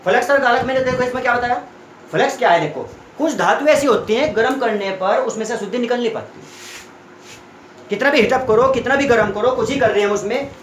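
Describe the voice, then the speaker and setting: A man's voice: very high-pitched, quick pace, a little hiss or hum. A young man tutoring students in a classroom, explaining chemistry step by step and often checking that they follow. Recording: echoey room.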